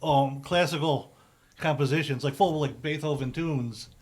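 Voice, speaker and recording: A man's voice: a little high, moderate pace, husky. A man in a band chatting casually, emphatic and enthusiastic in his praise. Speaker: band member guest. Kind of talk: casual chat.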